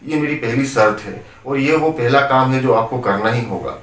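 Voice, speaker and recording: A man voicing a calm, firm male psychologist who gives measured, instructive orders while telling a story. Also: mid-range voice, close to an everyday voice. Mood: firm, reassuring. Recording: roomy, distant from the mic.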